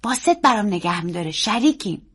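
A woman's voice: medium pitch, husky. A woman voicing an earnest, secretive young boy who talks in an urgent, pleading way. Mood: eager. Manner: urgent, pleading, quick and excited.

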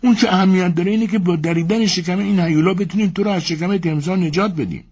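An anxious young wife pleads in a hurry for her husband's rescue, voiced by a male narrator. Her voice is pitched far above his own and trembles with urgency. The recording sounds dull and lo-fi. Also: a little mellow, breathy edge. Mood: urgent. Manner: hurried, pleading.

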